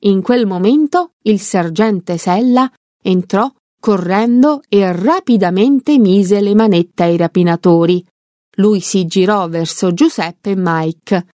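A woman narrating a story aloud in a slow, careful reading. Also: medium pitch, mellow, no room sound, clean studio sound.

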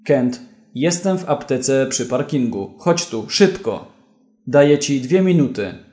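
A man voicing a corrupt policeman who talks quietly and steadily, giving commands. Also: medium pitch, animated, slow pace, roomy sound. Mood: calm, commanding. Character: calm, menacing corrupt male policeman.

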